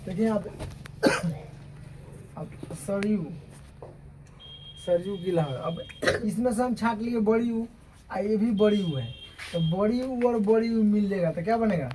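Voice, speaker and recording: High-voiced man teaching a class. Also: slow, pauses often, a little mellow, slight background noise, poor audio. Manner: repetitive step-by-step explaining, often checks understanding. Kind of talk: classroom grammar lecture. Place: coaching classroom with students.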